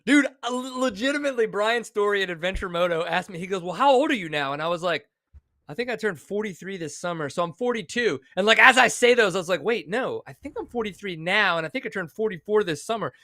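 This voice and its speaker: Bright, excitable man in his forties. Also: high-pitched, quick pace, dry recording, clean studio sound. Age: 40s. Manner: excitable, animated. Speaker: podcast co-host. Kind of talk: casual chat.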